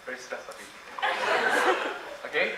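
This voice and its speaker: His medium-pitched voice swings widely in pitch at a measured pace as he runs an interactive mind-reading bit during a conference talk. He coaxes listeners and repeats phrases, while the distant mic in the roomy hall picks up background noise, laughter and room ambience.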